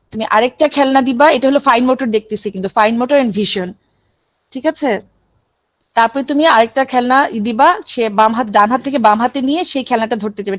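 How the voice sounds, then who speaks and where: A woman's voice: on the high side, no echo. Woman teaching, dry close sound. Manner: explanatory, checks in with students often. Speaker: medical teacher. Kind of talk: classroom lecture.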